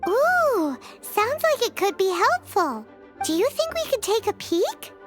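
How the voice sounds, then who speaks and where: Squeaky little fairy girl Paimon. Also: big pitch swings, unhurried, exaggerated voice. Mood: eager, curious. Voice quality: squeaky, childlike. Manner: speaks of herself in third person, chirpy. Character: tiny childlike girl fairy companion, perky and nosy. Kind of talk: video game character acting. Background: playful background music.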